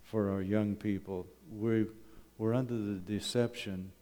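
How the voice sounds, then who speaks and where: On the low side and steady, his mellow voice a little slow, a middle-aged or older wilderness school principal from Canada entertains a church congregation with a conversational slide presentation. Rhetorical questions come often, and the echoey church hall trails each line with long reverb.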